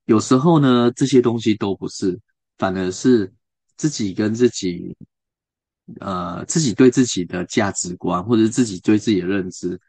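A radio host, a man with a Taiwanese Mandarin accent, talks through a book in a loose, chatty way. His voice sits low, and he keeps turning to his listeners with questions between fillers and restarts. The sound is close and dry, with no room around it. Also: moderate pace, warm tone, slightly rough, no room sound. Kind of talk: casual book talk to listeners.

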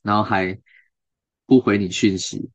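A male radio host with a Taiwanese Mandarin accent talks casually through a book in a loose, chatty style, pausing among fillers and restarts to pose questions to his listeners. His low voice is a little slow with fairly even intonation. The sound is close, dry, and dull, with no room ambience.

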